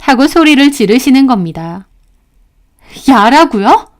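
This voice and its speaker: A woman's voice: a little high, lively intonation, moderate pace, clear, resonant tone. A woman narrating a first-person story, indignant and emphatic as she recounts events.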